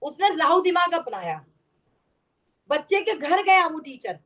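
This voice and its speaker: A woman's voice: extremely high pitch, very animated, a little slow, a bit bright. A woman teaching a numerology class over a video call, explaining at length and often checking that her students follow. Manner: explanatory, keeps checking understanding with questions. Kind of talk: online class lecture.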